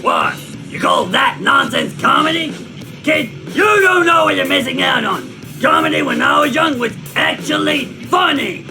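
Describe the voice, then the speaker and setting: A man voicing an ancient, cranky Australian squatter who shouts and rants at everything in a video game, with a gravelly Australian accent. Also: very high voice, wildly swooping pitch, moderate pace, full character voice. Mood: grumpy. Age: older. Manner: shouty, grumbling old-timer rants. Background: game music.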